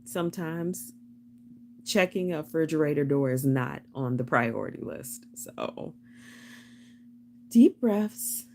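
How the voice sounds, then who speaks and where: A woman's voice: low-pitched, darkish tone, slight background noise. A young woman hosting a casual live stream, chatting and rambling with frequent laughs.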